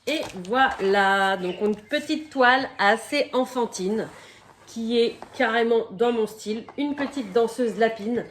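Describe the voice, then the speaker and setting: Woman, slightly high voice, casual unboxing chat, croaky from a cold, lots of fillers, faint background hiss. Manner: chatty, fills pauses with "donc" and "euh"; coughs and apologizes now and then. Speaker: crafting vlogger.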